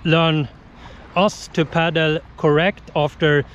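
Speaking slowly and cheerfully in plain, non-native English, this thirties-aged vlogger with a Swedish accent talks into an action camera held at arm's length beside a lake. His pitch is fairly high, the tone fairly bright, and the delivery flat. The outdoor camera audio sounds dull, with a little hiss or hum.

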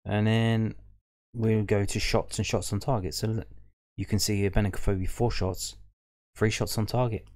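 A fan podcast host with a fairly low, slightly mellow voice delivers flat, moderately paced commentary. He casually talks through football match statistics on screen, musing and thinking aloud as he reads the stats table.

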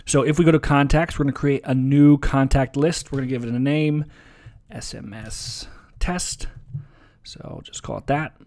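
A man presenting a relaxed, casual software tutorial over a screen recording, with frequent ums and uhs. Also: mid-range voice, normal speed. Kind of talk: screen-share software walkthrough.

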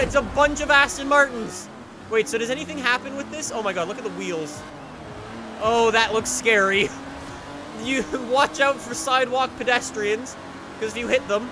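A young man commentating a racing game let's play, excitable and energetic, sometimes breaking into shouts. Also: very high voice, noisy background. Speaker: gaming YouTuber.

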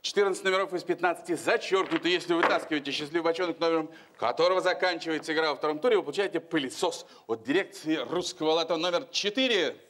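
A man's voice: a little high, fast talker, few pauses, a bit bright. A middle-aged man hosting a lottery game show, calling out drawn numbers formally like a bingo caller. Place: large TV studio with audience. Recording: noisy old TV studio broadcast.

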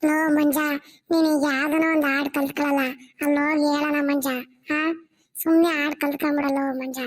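A woman's voice: sits high, level tone, brisk, lightly acted. A woman voicing a bossy, clever village boy in a cartoon, with a rural Tumkur accent and a coaxing, singsong way of talking. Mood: cautioning. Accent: rural Tumkur Kannada.

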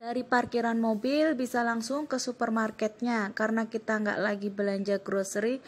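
A woman's voice: a little high, fairly even intonation, normal speed. Woman narrating a shopping vlog. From Indonesia. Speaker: vlogger.

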